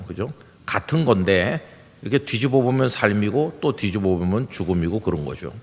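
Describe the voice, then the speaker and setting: An older man preaching a sermon as pastor, telling stories and acting out the voices of people in them. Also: fairly low pitch. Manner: storytelling, acting out quoted voices. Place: large church sanctuary. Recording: long hall reverb.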